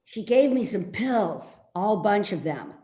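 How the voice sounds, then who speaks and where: In a readers theater play, a woman actor voices a suspicious, complaining elderly mother who nags indignantly, slow and insistent. Her natural, dark-toned voice sits at medium pitch with big pitch swings. The remote reading sounds roomy and echoey.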